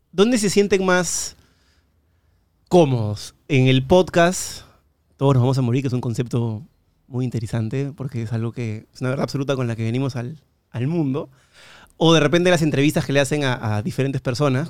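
A man's voice: mid-range voice, fairly quick, a little mellow, smooth, no room sound, studio quality. A man with a Peruvian accent hosting a podcast interview, chatty and courteous with his guests, laughing often. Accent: Peruvian Spanish. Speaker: podcast host.

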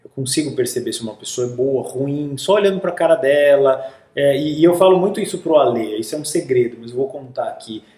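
A man with a Brazilian Portuguese accent carrying a slight Italian lilt talks briskly, with hardly any pauses, in a medium-pitched voice. He's a guest in a casual interview, an animated storyteller who acts out quotes as he goes. The sound is reverberant.

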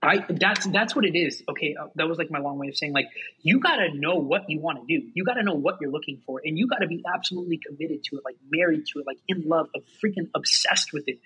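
Fast-talking husky man, hyped. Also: fairly high pitch. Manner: energetic, fast, heavy use of "like". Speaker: podcast guest, entrepreneur. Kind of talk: casual motivational chat. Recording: dull lo-fi sound.

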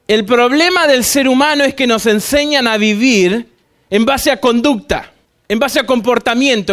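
A man preaching a sermon to a church congregation, lively and joking, acting out little dialogues. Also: extremely high pitch. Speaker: pastor.

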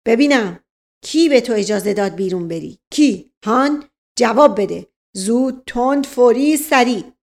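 A woman's voice: fairly high pitch, expressive, vocal fry. A woman voicing a blustering male police inspector who barks short commands. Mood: bullying.

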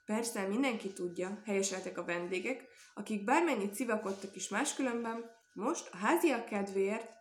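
A woman reading a children's story aloud in a calm, even storytelling manner. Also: medium pitch, hardly any pauses. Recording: echoey room.

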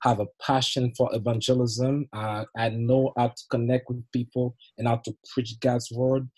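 A middle-aged Haitian youth pastor with a Haitian accent tells his personal story as a podcast guest. His warm, medium-pitched voice is level and moderately paced, and he speaks earnestly, laughing often and repeating words.

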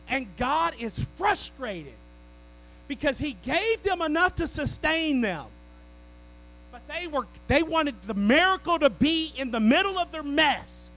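Male preacher, high voice, very animated delivery; faint hum underneath. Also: poor audio. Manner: animated preaching that swings from loud declarations to low asides with the congregation. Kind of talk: sermon.

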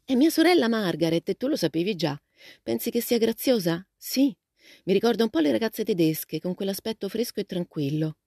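A woman voicing a lively, outspoken teenage girl in a storybook reading, asking eager, gushing questions. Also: medium pitch, a little fast, gravelly, no echo, voice pushed up. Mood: excited.

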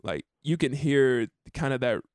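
Young male musician, loose casual rambler, medium pitch, dry sound. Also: unhurried, no echo. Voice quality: countertenor singer. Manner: rambling, laughs often, many likes and restarts. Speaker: musician and podcast host. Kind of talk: casual chat.

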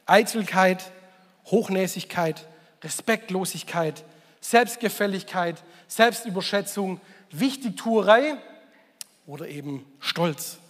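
A man's voice: sits high, animated, takes it slowly, a bit bright, big-room sound. A man preaching a Sunday sermon as pastor, talking conversationally, asking the congregation questions and repeating key phrases for emphasis.

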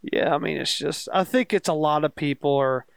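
A man's voice: a little high, normal speed, vocal fry, clean tone, dry recording. A young man co-hosting a casual sports chat, joking and rambling through stories in a laid-back way. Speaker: podcast co-host.

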